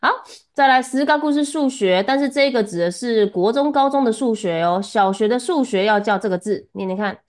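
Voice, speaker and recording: A woman's voice: on the high side, expressive, brisk, a little mellow. A woman giving a one-on-one Japanese lesson, chatty and laughing often as she coaches pronunciation. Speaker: Japanese tutor.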